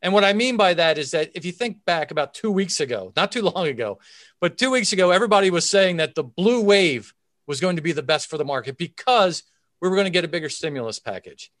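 A man's voice: sits high, expressive, quick pace, a bit bright, dry recording, clean studio sound. A man speaking as an expert interview guest, explaining things in a methodical, emphatic way. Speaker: chief investment officer, interview guest. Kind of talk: expert market commentary in interview.

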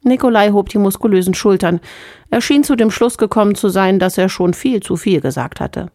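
A woman narrating a science fiction audiobook in a clear, even storytelling manner. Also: medium pitch, brisk, no echo, studio quality. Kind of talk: scripted narration.

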